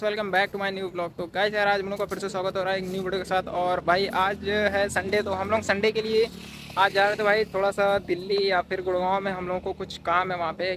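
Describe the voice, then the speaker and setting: A young adult man with a high voice films a casual handheld travel vlog, phone at arm's length. He walks through city streets and markets, teasing his friend in slangy banter. The phone recording picks up a loud crowd around him.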